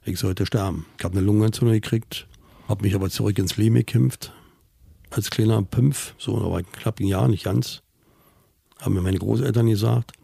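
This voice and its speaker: Gravelly, husky middle-aged man. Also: on the low side, fairly even intonation, normal speed, dark tone, dry recording, clean studio sound. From Berlin, Germany. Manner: blunt, colloquial, emotionally charged storytelling. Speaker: interviewee. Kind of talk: personal testimony in an interview.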